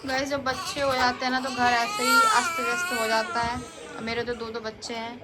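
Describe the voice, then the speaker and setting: A young mother talks in a high, light voice, by turns coaxing and scolding her kids, then turning to chat with her viewers. The home recording carries plenty of background noise. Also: fairly even intonation, moderate pace. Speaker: vlogger and mother. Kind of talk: casual home vlog.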